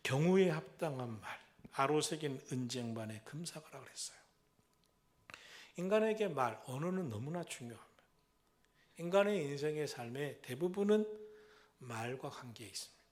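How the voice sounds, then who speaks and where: 열정적으로 설교하는 중년 남성 목사. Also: male voice, on the high side, animated, moderate pace. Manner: swings between loud exhortation and hushed whispers; repetitive, rhythmic preaching cadence. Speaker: senior pastor. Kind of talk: sermon.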